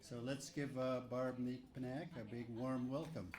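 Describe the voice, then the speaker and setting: A man's voice: mid-range voice, level tone, moderate pace, darkish tone. A man announcing as emcee at a live indoor event. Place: indoor banquet hall. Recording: live hall with clear crowd.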